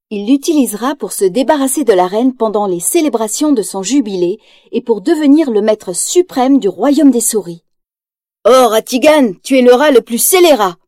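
A woman narrating a children's storybook aloud, lively and expressive. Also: on the high side, no echo, clean studio sound. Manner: lively, acts out quotes in raised voice.

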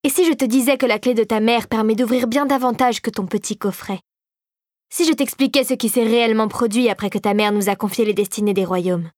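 A woman voicing a bitter, scheming old female regent in a storybook reading, speaking slowly and low. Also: fairly even intonation, darkish tone, no echo, clean studio sound, natural voice. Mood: insinuating.

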